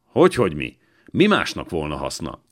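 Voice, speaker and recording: A male reader voicing a wounded old man, a former royal servant, who speaks slowly and weightily like a stern father. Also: very deep voice, huge pitch swings, a bit bright, husky, exaggerated voice. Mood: gruff, fatherly. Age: older.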